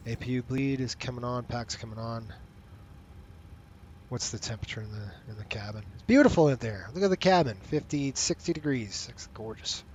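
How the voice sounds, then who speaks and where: A man's voice: medium pitch, brisk, a little mellow. Male pilot talking on a noisy cockpit headset. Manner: pilot on a cockpit headset, clipped procedural phrases mixed with offhand muttering. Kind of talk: casual cockpit commentary and radio calls. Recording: noisy, with background cockpit ambience.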